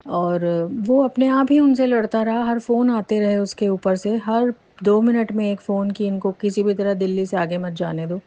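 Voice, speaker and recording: A woman tells a personal testimony in a casual storytelling manner, her voice warm and mellow. She retells events with animation and often restarts her sentences with fillers. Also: medium pitch, steady tone, normal speed, few pauses, dry recording. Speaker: devotee sharing a testimony. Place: lives near Jaipur.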